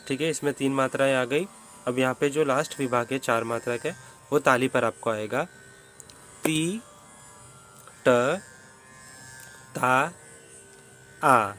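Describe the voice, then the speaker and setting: A man's voice: mid-range voice, fairly bright tone. A man teaching a step-by-step rhythm lesson, patiently counting beats and reciting the syllables of each one. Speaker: music teacher.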